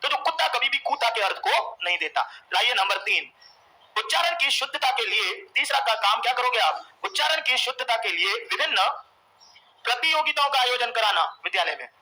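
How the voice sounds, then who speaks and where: A man teaching in a classroom with a very high, ringing voice. He dictates each point to be written down, says it over again for the note-takers and keeps firing questions at the class. The tone is sharp and bright throughout. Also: expressive, a little fast, rough recording. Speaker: exam coaching teacher. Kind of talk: classroom lecture, dictating notes.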